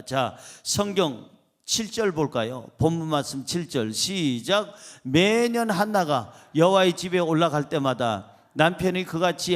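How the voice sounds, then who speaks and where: A man preaching a church sermon as pastor, asking the congregation questions and rising into loud emphasis. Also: sits high.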